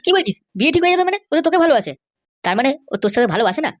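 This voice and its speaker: A woman's voice: medium pitch, rapid-fire, no echo, clean studio sound, lightly acted. A woman voicing a nosy young cartoon man who questions and advises his friend. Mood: prying. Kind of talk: cartoon voice acting.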